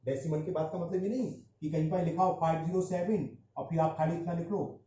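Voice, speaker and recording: A man teaching a maths lesson. He explains step by step and mixes Hindi with English terms, stretching out key words slowly. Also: fairly high pitch, steady tone, warm tone. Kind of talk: classroom-style math lesson. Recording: dull echoey room recording with faint background noise.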